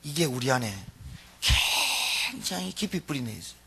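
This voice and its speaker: A man's voice: fairly high pitch, huge pitch swings, unhurried, gravelly, sharp tone, husky. A middle-aged male pastor preaching a sermon, emphatic and repetitive, firing questions at the congregation and having them repeat after him.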